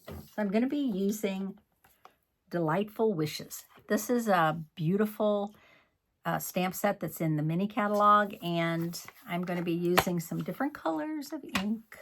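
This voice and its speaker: Man, card-making demo host, unhurried gravelly delivery, chatty and self-scolding. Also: sits high, a bit bright, a little hiss or hum. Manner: chatty, scolds himself and mutters asides. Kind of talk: crafting tutorial.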